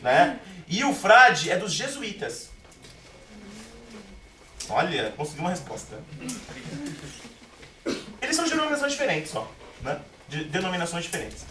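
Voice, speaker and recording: A man's voice: high voice, wildly swooping pitch, normal speed, long pauses, background noise. A man teaching a literature class, joking and often laughing as he checks in with the students. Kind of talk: classroom lecture. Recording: echoey classroom from far off, student chatter.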